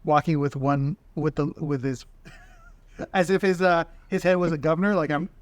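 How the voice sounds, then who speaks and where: Man, higher voice, dry close sound, excitable casual podcast chat. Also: normal speed, no room sound. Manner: excitable, rambling with many restarts. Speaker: podcast co-host.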